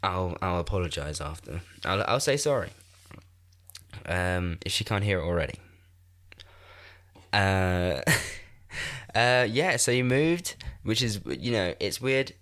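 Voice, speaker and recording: A man in his twenties, his nose blocked and congested, hosts a solo podcast into a desk microphone from a room in a shared house, rambling, mocking himself, and swearing. His low voice is very animated and fairly bright, and he speaks slowly with long pauses.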